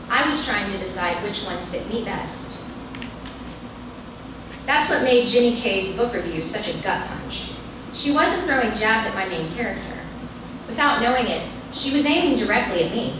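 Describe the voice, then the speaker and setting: A woman with a medium-pitched, expressive voice reads her humorous essay to a live bookstore audience at normal speed, playing up the wry, self-deprecating storytelling. Because the mic is distant, the audio is echoey and full of room noise.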